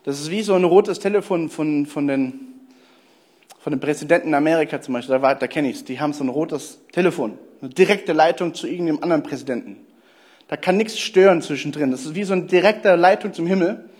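A man preaching a lively sermon, telling stories and speaking straight to his listeners. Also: fairly high pitch, fairly quick. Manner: lively storytelling preacher, addresses listeners directly. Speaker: pastor.

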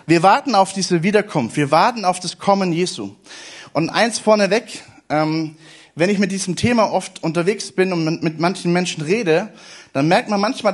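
Man, preacher, high voice, emphatic sermon, repeats phrases for stress, church service.

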